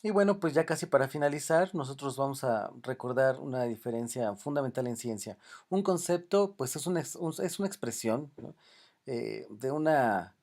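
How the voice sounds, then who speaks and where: Male lecturer, mid-pitched, unscripted delivery, frequent hesitations and tag questions. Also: expressive, normal speed, darkish tone. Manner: unscripted, many "eh" fillers and "¿no?" tags. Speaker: university lecturer. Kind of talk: recorded lecture.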